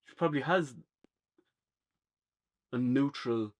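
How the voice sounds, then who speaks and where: A man's voice: mid-range voice, slow pace. A man co-hosting a casual film review chat, joking and opinionated.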